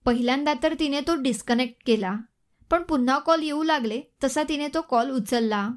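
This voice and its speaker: A woman narrating a scripted audio story in a measured, expressive reading. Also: high voice.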